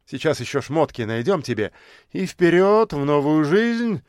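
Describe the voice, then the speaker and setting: A man voicing a chatty, jovial man who jokes loudly, in a story reading. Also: on the high side, big pitch swings, moderate pace, dry recording, studio quality. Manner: loud joking banter.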